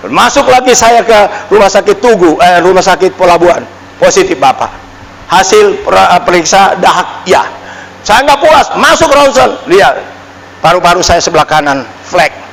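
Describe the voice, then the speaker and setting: A pastor preaching a sermon with an Indonesian accent, emphatic, swinging from loud outbursts to low murmurs. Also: male voice, animated, moderate pace, creaky. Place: church hall. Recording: church hall reverb, faint ambience.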